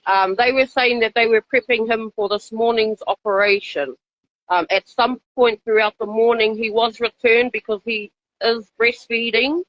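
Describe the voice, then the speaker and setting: A woman with a New Zealand accent and a fairly high, steady voice speaks at a normal speed in an earnest, casual live interview as an activist. She's calling in from outside a hospital, and the lo-fi live stream sound is dull but echo-free.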